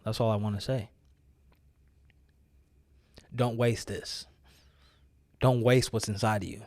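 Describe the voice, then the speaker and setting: Slow and steady, an American man with a lowish, slightly mellow voice preaches with no room sound. His informal motivational message is exhortative and emphatic, with repeated phrases and youthful slang.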